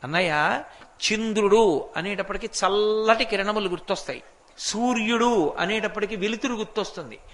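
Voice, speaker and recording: Brief: earnest pleading younger brother, put on by a male preacher, bright and high.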